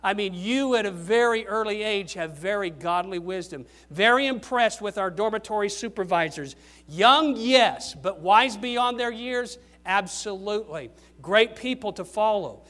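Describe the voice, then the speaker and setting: An older man, a grandfather, preaching a sermon to young people, punching key questions and then dropping his voice low at the ends of points. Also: lively intonation, measured pace, sharp tone.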